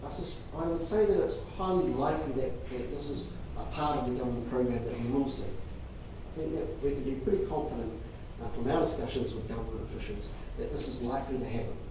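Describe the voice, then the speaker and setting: Male presenter, measured and emphatic through repetition, distant mic in a reverberant, noisy room. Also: medium pitch. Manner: measured, repeats phrases for emphasis. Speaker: presenter taking audience questions. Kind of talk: public talk with audience questions.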